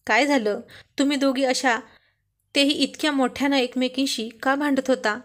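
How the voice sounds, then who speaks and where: A woman's voice: high-pitched, steady tone, moderate pace, a bit bright. A woman voicing a playful, bossy young wife who chides her husband. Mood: calm.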